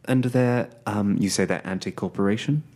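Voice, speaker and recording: A man's voice: on the low side, normal speed, a little mellow. A man playing a tabletop role-playing game, casually negotiating and questioning in character.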